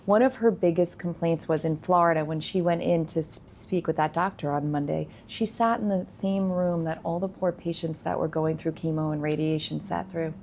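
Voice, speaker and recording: Woman, low-ish gravelly voice, animated storyteller acting out quotes, light background noise. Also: moderate pace, hardly any pauses. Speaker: guest, nursing company founder. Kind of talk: storytelling in a casual interview.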